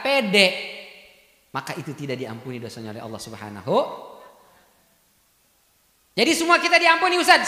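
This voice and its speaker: Animated preacher man in an echoing hall. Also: sits high. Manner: animated, asks the audience questions constantly. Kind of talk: lively religious sermon to a women's study group. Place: prayer hall at a religious celebration. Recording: echoey hall with long reverb.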